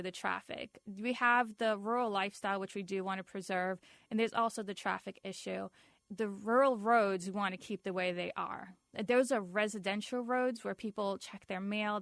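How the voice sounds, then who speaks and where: A woman with a medium-pitched voice in a close, dry recording. She speaks conversationally as an interviewed community advocate, plainspoken and firm in setting out her points. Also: gravelly, a bit bright, no echo. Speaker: community group vice chair being interviewed.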